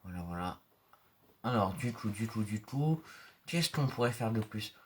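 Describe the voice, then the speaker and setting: A man with a deep, low voice talks through his gameplay in a loose, rambling way, leaning on fillers and now and then sinking into soft murmurs. Faint mouse and keyboard clicks sit behind him. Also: animated, measured pace, slight background noise. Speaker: gaming video creator. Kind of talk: casual gameplay commentary.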